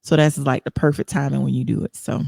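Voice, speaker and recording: Female talk host, gravelly low-bright tone, heartfelt rambling delivery. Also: level tone, quick pace, no echo. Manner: earnest, emotional, rambling with restarts. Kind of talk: casual online talk show chat.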